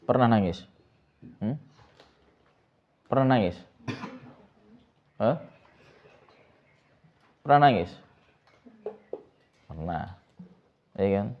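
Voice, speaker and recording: A man's voice: lowish voice, expressive, drawn-out words, long pauses, dull audio. A man teaching a pesantren kitab lesson as an ustaz. He reads the Arabic text, explains it, and keeps asking his students questions. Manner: asks students questions over and over, mixes in Javanese words.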